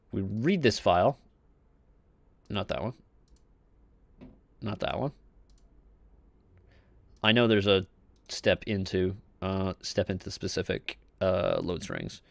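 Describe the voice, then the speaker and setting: A man's voice: mid-range voice, clean tone, no echo. A man developing a game live, joking with his viewers and mumbling through code as he debugs, rambling with chuckles. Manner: talks to viewers in chat; mumbles quietly while debugging. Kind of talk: casual live coding chat.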